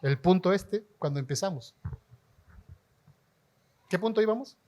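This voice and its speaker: A man preaching a sermon as pastor, leading his congregation in call-and-response and rising to shouts. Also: high voice, lively intonation. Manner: slow, emphatic delivery, rising to shouts. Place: church hall before a congregation.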